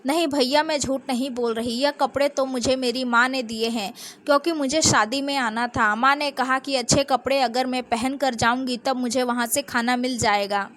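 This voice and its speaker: A woman's voice: high-pitched, fairly even intonation, normal speed, fairly bright tone. A woman voicing a poor, proud and wary young girl from the slums in a read-aloud story, speaking in an earnest, pleading way.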